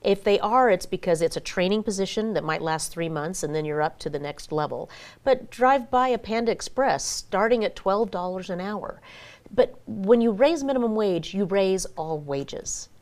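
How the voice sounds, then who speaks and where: A woman's voice: medium pitch, lively intonation, normal speed, darkish tone. A woman giving frank, opinionated commentary as a guest in a conversational interview. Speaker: interview guest, small business advocate.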